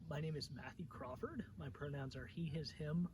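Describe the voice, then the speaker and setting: A man's voice: a little high, normal speed, darkish tone. Easygoing young man, distant mic. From Charlottesville, Virginia. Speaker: service corps member. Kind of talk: personal reflection to camera. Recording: distant mic, noisy background.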